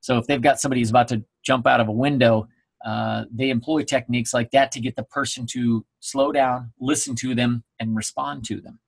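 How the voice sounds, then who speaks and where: A man's voice: medium pitch, steady tone, brisk, creaky, breathy edge. A man giving a recorded sales training presentation, emphatic and coaching, checking in often with his listeners. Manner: emphatic, coaching, frequent "okay?" check-ins.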